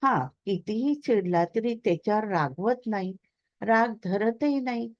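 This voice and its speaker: A blunt, protective middle-aged mother who scolds plainly, read by a woman narrator. Her lines come slowly, and the recording has a slightly muffled, lo-fi sound. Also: mid-range voice, lightly acted. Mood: scolding.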